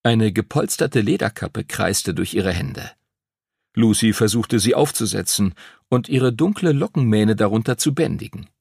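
A man narrating an audiobook in an expressive storytelling manner, close to the mic. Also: fairly low pitch, normal speed, gravelly, breathy edge, no room sound.

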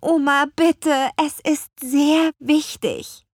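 A woman voicing an eager, earnest young apple witch girl in an audiobook, with a bright, pleading delivery. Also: high-pitched, steady tone, very slow, no room sound, studio quality, pitched above the performer's own voice, full character voice. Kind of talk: audiobook character voice.

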